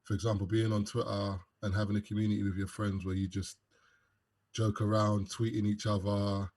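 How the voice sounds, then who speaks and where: A young man with a London accent appears as a podcast guest, joking in a laid-back interview chat full of fillers. His pitch is fairly low and his tone is level and darkish, and he talks a little fast.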